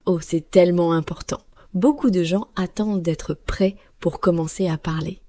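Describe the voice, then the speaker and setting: A woman co-hosting a learners' podcast, speaking clearly and slowly like a teacher. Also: lowish voice, steady tone, dark tone, dry recording. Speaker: podcast co-host. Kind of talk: scripted podcast dialogue for learners.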